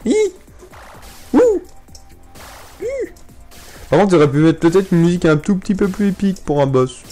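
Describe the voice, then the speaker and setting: A young man giving playful, casual commentary while playing a video game, repeating words and bursting out in sudden excitement. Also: on the high side, rapid-fire, faint music behind. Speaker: gaming YouTuber. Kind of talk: casual let's-play commentary.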